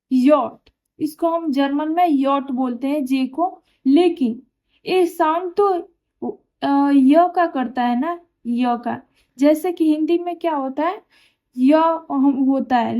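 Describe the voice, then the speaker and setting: A woman's voice: sits high, warm tone. A woman teaching German pronunciation, who patiently asks questions and answers them herself. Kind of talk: explaining pronunciation rules.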